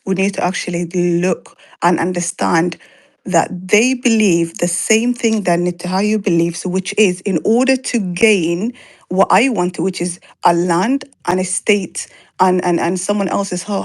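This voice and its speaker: A woman's voice: fairly low pitch, normal speed, a little mellow. A woman arguing heatedly in an online debate, often repeating words as she presses her point. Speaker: debate participant. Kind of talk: impassioned debate argument.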